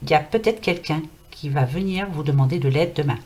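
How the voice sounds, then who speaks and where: A woman's voice: low-pitched, a little fast, a little mellow. Chatty French woman reading cards. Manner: chatty, reassuring, many fillers. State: scratchy throat, losing her voice. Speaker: card reader. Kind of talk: casual tarot reading to camera.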